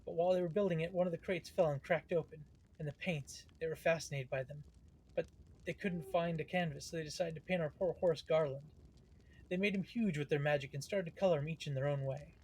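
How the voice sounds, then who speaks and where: A man's voice: a little high, steady tone, a little fast, a little mellow, a little hiss or hum, lightly acted. A man reading out a shaken stout merchant. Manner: read aloud plainly, close to his own voice. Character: shaken stout middle-aged male merchant. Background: game music.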